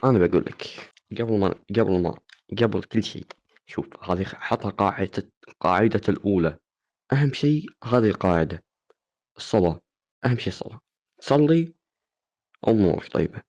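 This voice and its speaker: A man's voice: on the low side, quick pace, long pauses, a little mellow, highs cut off. A man, hosting a casual, joking tutorial and teasing his viewers. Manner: teasing, playfully insulting. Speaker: gaming channel host.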